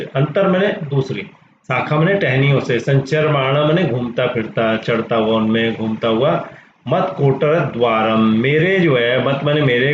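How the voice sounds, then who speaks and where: A male teacher works through a text one word at a time, saying each term and then explaining it in a deliberate, patient way. His voice sits at an ordinary pitch. The room gives it a noticeable echo, and the sound is slightly dull. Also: slight background noise. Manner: slow, deliberate glossing, repeating each term before explaining it. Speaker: Sanskrit teacher. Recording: roomy, slightly dull recording.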